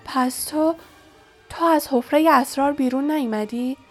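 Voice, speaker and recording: A woman's voice: high voice, faint music behind, voice pushed up, close to an everyday voice. A woman voicing a frightened schoolboy in an audiobook, breathless and pleading. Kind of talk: audiobook reading.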